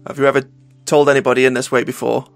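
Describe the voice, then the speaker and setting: A man's voice: mid-range voice, little pitch movement, racing, gravelly, faint music behind. A man hosting a podcast interview, speaking in an easygoing, reassuring way in casual chat. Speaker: podcast host.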